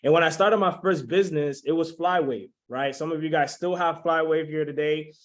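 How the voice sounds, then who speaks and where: A man's voice: a little high, moderate pace. Hyped young man hosting a video call. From Dominican Republic. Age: 20s. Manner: hyped, keeps checking in with the audience. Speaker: webinar host. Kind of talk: motivational webinar pitch.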